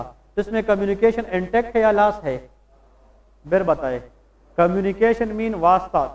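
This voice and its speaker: High-voiced man lecturing, quizzing his class. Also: a little mellow, low-quality recording. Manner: quizzes students with questions and answers them himself; slows down to stress English terms. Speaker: medical lecturer. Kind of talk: Hindi-English classroom lecture.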